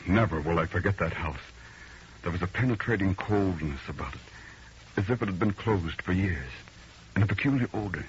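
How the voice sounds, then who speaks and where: In the style of an old radio drama, an actor plays a dazed, uneasy city man recounting an eerie tale with earnest, haunted intensity. His voice sits low, moves quickly with lively intonation, and the mood is hushed and ominous. The muffled vintage recording carries faint noise.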